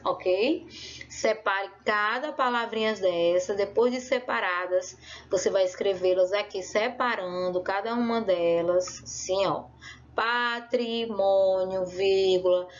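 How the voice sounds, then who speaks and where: A woman teacher giving a remote lesson, explaining patiently and drawing out her words with lots of diminutives. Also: on the high side. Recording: dull lo-fi recording.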